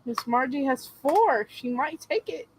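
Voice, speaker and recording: Female bingo host, nursing home activity style: high, unhurried, chats to each player by name. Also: expressive, a little hiss or hum, low-quality recording. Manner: addresses players by name, reads their comments aloud.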